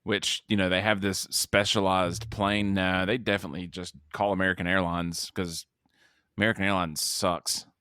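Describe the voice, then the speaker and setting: A man's voice: sits low, level tone, normal speed, bright, forceful tone, clean tone, dry recording, studio quality. A man co-hosting a movie podcast, chatting casually with joking, sarcastic asides. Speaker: podcast co-host.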